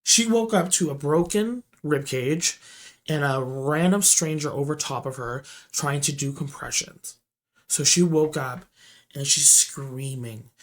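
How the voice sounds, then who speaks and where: A store manager telling a storytime vlog, swinging between loud emphatic bursts and low murmurs, rambling with restarts. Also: measured pace.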